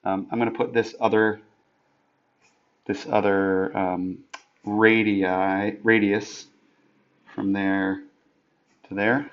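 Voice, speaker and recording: A man with a lowish voice talks through a geometry problem on a whiteboard screencast, stopping and restarting as he thinks out loud. The sound is dull and lo-fi, as if picked up by a tablet's built-in mic. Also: flat delivery. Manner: halting, thinks aloud with many restarts and fillers. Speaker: math teacher. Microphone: tablet microphone.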